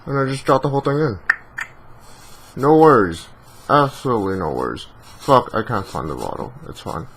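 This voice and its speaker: A man's voice: mid-range voice, very animated, moderate pace, long pauses, background noise. A man talking with a bag over his head, casually demonstrating a product and swearing often. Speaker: product reviewer.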